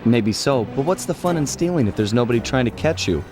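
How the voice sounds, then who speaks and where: A man's voice: mid-range voice, lively intonation, fairly quick, lightly acted. An actor playing a suave, cocky male raccoon master thief in a video game, laid-back and wry, in a game clip with music behind him. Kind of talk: video game cutscene acting.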